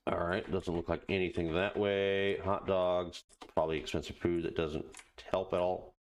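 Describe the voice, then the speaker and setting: A man giving casual let's play commentary, muttering halting asides to himself and reading on-screen text aloud. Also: low-pitched, level tone, a little hiss or hum. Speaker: gaming video host.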